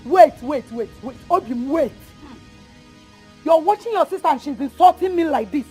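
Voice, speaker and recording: A Nigerian woman acting a brash, quarrelsome village woman in a film drama, sharp-tongued and repeating her words. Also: high-pitched, lively intonation, moderate pace, soft background music. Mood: scornful, angry.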